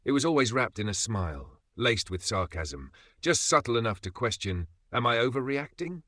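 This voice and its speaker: Male narrator, low and punchy, for scripted motivational voice-over; deliberate emphatic phrasing, recorded dry and close. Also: sing-song, bright, forceful tone, no room sound. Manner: measured, emphatic delivery with dramatic pauses. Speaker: channel narrator.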